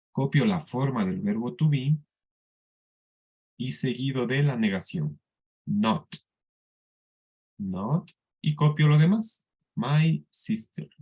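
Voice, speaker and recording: This is a man with a Colombian Spanish accent teaching a class. He talks at a slow, deliberate pace in a mid-range voice, and he often checks that his students understand. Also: medium pitch, darkish tone. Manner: slow, patient explaining with frequent checks for understanding. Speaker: English teacher. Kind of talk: classroom lesson.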